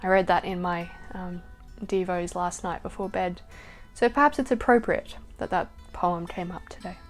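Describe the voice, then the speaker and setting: A woman reading poems aloud slowly and softly, her voice trailing off at the ends of lines. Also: on the low side, steady tone. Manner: slow, soft reading that trails off at line ends. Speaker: poetry reader. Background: soft acoustic guitar music.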